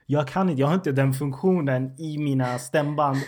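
Self-mocking young man, suburban Stockholm accent. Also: on the high side. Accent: Stockholm suburban Swedish. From Sweden, near Stockholm. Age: 20s. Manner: animated, self-mocking storyteller. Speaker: podcast co-host. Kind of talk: casual chat.

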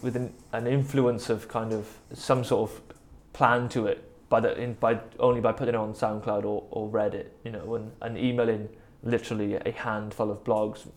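A lowish male voice with flat delivery keeps a moderate pace and hardly pauses. He's a band musician and producer from the South Wales Valleys with a Valleys accent, rambling through a self-deprecating anecdote as a casual interview guest.

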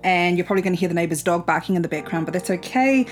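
A woman's voice: on the low side, lively intonation, very fast. A woman of about twenty-nine, chatting informally as the host of a solo podcast recorded at home. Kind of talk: casual solo podcast talk.

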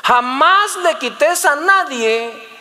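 A male pastor preaching a sermon, lively and teasing, acting out little dialogues. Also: extremely high pitch, drawn-out words.

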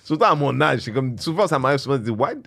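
A man's voice: mid-range voice, animated, quick pace, gravelly, a bit bright. A man with a Quebec accent, a comedian and the host's older brother, talking earnestly as a podcast guest and mixing English phrases into his French. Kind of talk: casual podcast chat.

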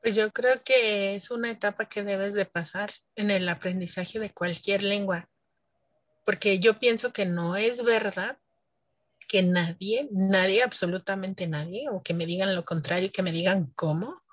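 A woman's voice: medium pitch, steady tone, a little slow, dry recording, dull audio. A woman, a French teacher, explaining pronunciation in an interview in an emphatic way, laughing often. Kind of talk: interview conversation.

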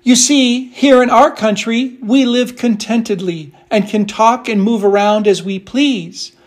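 A man voicing a timid, fragile young china princess who speaks delicately and slowly. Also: very high-pitched, voice pushed up. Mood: prim. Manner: frightened, pleading, slow and delicate.

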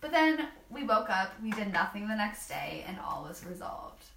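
A woman's voice: mid-range voice, big pitch swings, normal speed, creaky. A young woman chatting casually and telling a party story with lots of giggling. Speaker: vlogger. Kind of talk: casual chat. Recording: echoey room with faint noise.

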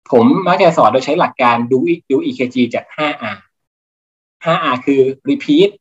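Man lecturing, slightly dull sound. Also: medium pitch. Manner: explanatory, measured lecturing with medical terms. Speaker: cardiologist guest. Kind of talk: teaching clinical points in a podcast interview.

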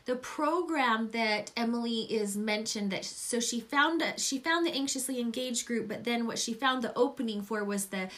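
Effusive woman host, slightly high voice. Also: normal speed, hardly any pauses, a bit bright. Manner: effusive, encouraging, rambling. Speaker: podcast host and program coach. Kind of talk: conversational faith-based interview.

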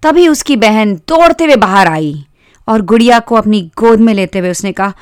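Gentle woman storyteller, dry sound. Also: mid-range voice, animated, moderate pace, clear, resonant tone, dry recording. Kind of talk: scripted narration.

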